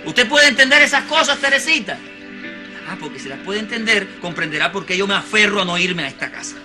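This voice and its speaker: A man's voice: sits high, lively intonation, a little fast, over music. An actor with a Cuban accent playing a stubborn, emotional stepfather who pleads and stammers. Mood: heartfelt. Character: stubborn, wounded, devoted stepfather. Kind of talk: telenovela acting.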